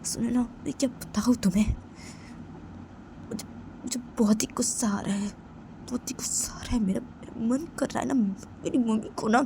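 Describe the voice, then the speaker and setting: A woman voicing an angry young woman who keeps repeating herself, loud and indignant, in a homemade storytelling video. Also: mid-range voice, a little fast, gravelly, noisy background, close to an everyday voice. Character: young woman, furious at her own mother.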